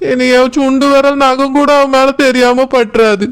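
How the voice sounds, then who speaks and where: A man's voice: very high-pitched, flat delivery, normal speed, smooth. A man with a Kanyakumari Tamil accent voicing a battered drunk husband who whines and pleads. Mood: pleading.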